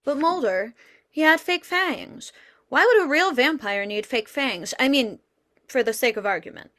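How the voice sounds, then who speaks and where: A woman's voice: sits high, expressive, moderate pace, bright, forceful tone. A woman reading the part of a skeptical, level-headed female FBI agent. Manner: skeptical, questioning. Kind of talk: dramatic script reading.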